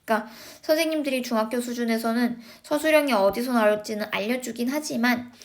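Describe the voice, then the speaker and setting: This English teacher, whose voice is fairly high, walks middle school students through a recorded lesson one step at a time. Short tag questions keep checking that they're following.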